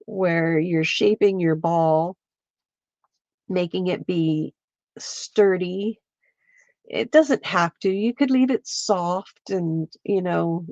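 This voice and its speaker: A woman with a stuffy, congested voice, slowly walking viewers through a craft step by step and chatting with them as she works. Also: lowish voice, no echo. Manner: slow, meandering, chats with viewers while working. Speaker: craft livestreamer. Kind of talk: casual craft demonstration. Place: home, at her lap.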